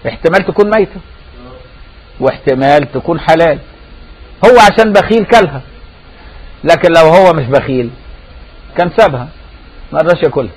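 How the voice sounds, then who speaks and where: A man's voice: a little high, expressive, a little fast, long pauses, breathy edge, poor audio. A man with an Egyptian accent giving a religious lesson, conversational and often checking his listeners' understanding with rhetorical questions. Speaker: Sufi scholar teaching a lesson.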